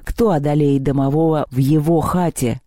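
A reader voicing a fierce boy turned bear-spirit who speaks slowly and commands. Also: medium pitch, steady tone, mellow, dry recording, studio quality, natural voice. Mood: gruff. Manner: slow, growling, commanding.

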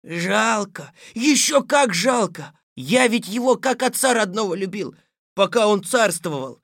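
A man voicing a sly, fawning male palace scribe in a shrill, wheedling voice. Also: expressive, unhurried, fairly bright tone, no room sound, clean studio sound, heavily acted.

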